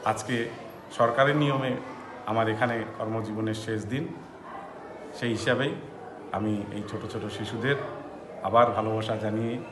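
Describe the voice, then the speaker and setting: A middle-aged man, a schoolteacher, giving earnest, halting farewell remarks in short repeated phrases. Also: fairly low pitch. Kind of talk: impromptu farewell remarks to a reporter. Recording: echoey, noisy on-location recording.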